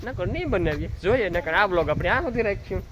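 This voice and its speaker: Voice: medium pitch, lively intonation, fast talker, a crowd in the background. A dairy farm vlogger, chatting casually to viewers and calling out to the cattle, outdoors on the farm. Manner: chatty, calls out loudly to cattle between remarks. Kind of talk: casual vlog narration.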